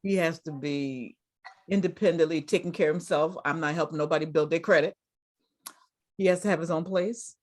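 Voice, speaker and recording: A middle-aged woman guest speaking bluntly and emphatically in a casual interview. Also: sits low. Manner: emphatic, blunt, drawn-out delivery.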